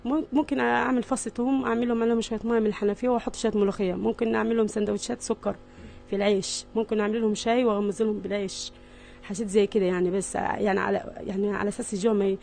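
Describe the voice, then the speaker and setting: A woman's voice: medium pitch, vocal fry, mellow. A middle-aged Egyptian woman with an Egyptian Arabic accent, speaking in an earnest, weary and pleading way in a news interview. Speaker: mother interviewed about her sick children.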